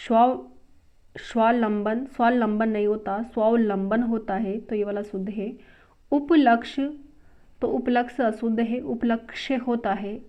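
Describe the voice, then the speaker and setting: Brisk woman teaching a grammar lesson. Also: steady tone. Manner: brisk, drills each word, louder and higher when naming a new word. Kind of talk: exam-prep grammar lesson. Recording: dull lo-fi sound.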